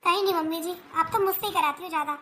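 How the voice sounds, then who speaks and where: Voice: very high voice, fairly even intonation, rapid-fire, fairly bright tone, a little hiss or hum. A performer voicing an overworked young daughter-in-law who argues back about her chores, in a family comedy skit. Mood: arguing. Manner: argumentative, whiny pleading.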